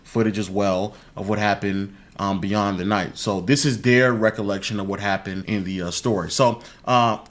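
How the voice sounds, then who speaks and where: A man's voice: lowish voice, fairly even intonation, normal speed, hardly any pauses, a bit bright. A man hosting a casual reaction chat, recounting events step by step with many fillers and restarts. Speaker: reaction channel host. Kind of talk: casual group commentary.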